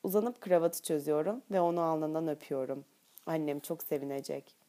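Audiobook narrator, female, warm lowish tone, steady intimate delivery. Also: a little fast. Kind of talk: audiobook narration, first person.

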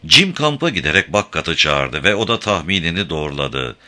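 A man narrates a novel in a measured audiobook delivery. His voice is low yet strikingly bright and crisp. His pitch rises and falls in a lively way through the story. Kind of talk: scripted narration.

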